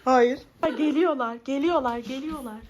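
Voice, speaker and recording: A woman's voice: sits high, normal speed, slight background noise. A young woman vlogging in a hotel room, chatting and laughing with friends. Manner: laughing, teasing banter among friends. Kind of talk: casual chat.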